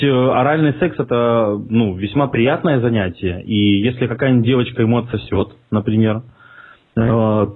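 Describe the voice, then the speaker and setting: Prank caller, male, husky, on a thin phone line, mocking and provocative. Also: medium pitch.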